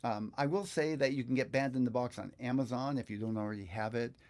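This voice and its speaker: Speaking fast in a mid-range, slightly mellow voice, an older male guitar teacher of 50 to 60-something hosts a live online lesson. He keeps it casual, thinking aloud informally from an indoor studio.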